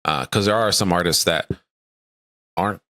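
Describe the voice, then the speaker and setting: A man with a Southern US accent, co-hosting a music reaction video, animated and quick to act out little scenes. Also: low voice. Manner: animated, laughs often, acts out lines. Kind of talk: casual chat.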